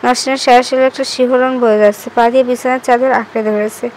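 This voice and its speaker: Amateur female audiobook reader, slightly high, flat delivery. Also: fast talker, a little hiss or hum, poor audio. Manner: reads all parts in her own voice, even delivery. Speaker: audiobook narrator.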